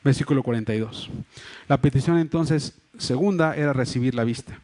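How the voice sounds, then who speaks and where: In a church hall, a livestream microphone captures a pastor's sermon. He has a mid-range, darkish voice, talks fairly quickly, and carries a Mexico City Spanish accent. His delivery is earnest and explanatory, with many fillers and restarts.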